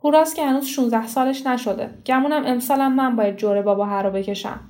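A woman's voice: on the high side, a little mellow, lightly acted. A woman reading the part of a resigned village wife in an audiobook story. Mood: rueful. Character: rueful village wife standing in for husband. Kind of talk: audiobook character voice.

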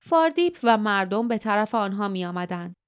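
Woman reading an audiobook, crisp smooth voice, dead dry close mic. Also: medium pitch, no room sound. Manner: even, clear reading. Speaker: audiobook narrator. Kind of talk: scripted narration.

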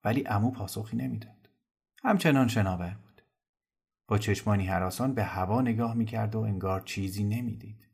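A man narrating a novel in a calm, measured storytelling voice. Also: on the low side, creaky, breathy edge.

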